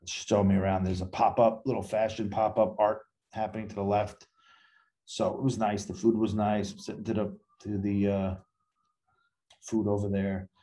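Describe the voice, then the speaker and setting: A man's voice: lowish voice, little pitch movement, moderate pace, dark tone. A man, a podcast guest telling rambling anecdotes and acting out the dialogue in them. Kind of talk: casual storytelling interview.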